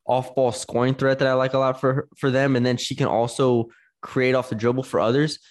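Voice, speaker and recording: A man co-hosting a casual sports podcast, talking enthusiastically with frequent fillers and restarts. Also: medium pitch. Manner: enthusiastic, conversational, many fillers.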